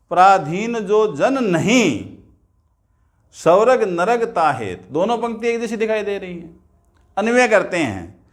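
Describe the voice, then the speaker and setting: Slow high-voiced man teaching grammar. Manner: slow, repeats key terms, asks and answers his own questions; recites verse lines slowly and distinctly. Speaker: Hindi teacher. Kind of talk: grammar lesson on figures of speech.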